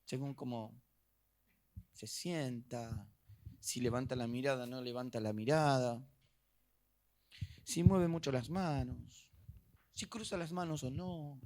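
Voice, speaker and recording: Animated Argentine pastor preaching. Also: male voice, mid-range voice. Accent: Argentine Spanish. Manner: animated preaching, acting out little dialogues, swinging from soft to loud. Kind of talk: sermon.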